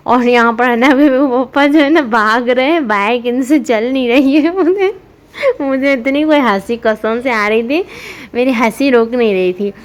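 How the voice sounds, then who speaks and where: A woman's voice: fairly high pitch, moderate pace. A young woman narrating her family vlog in a chatty voice-over, rambling with many fillers and giggling often. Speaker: family vlogger, mother.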